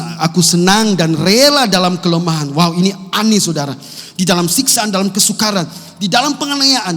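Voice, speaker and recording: A male pastor giving an emphatic sermon, swinging from loud to hushed, recorded in a church hall. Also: fairly high pitch, husky. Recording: long church reverb.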